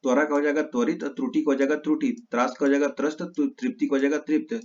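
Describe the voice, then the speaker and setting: A male teacher giving an exam-prep lesson, reciting word pairs in quick lists and correcting his own slips. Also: on the high side, little pitch movement. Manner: rapid list recitation with self-corrections. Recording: slightly dull lo-fi audio.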